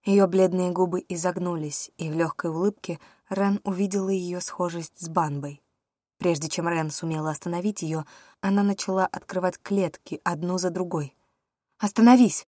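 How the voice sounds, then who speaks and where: A woman narrating a fantasy audiobook in a brisk, steady storytelling manner. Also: lowish voice, no echo, clean studio sound.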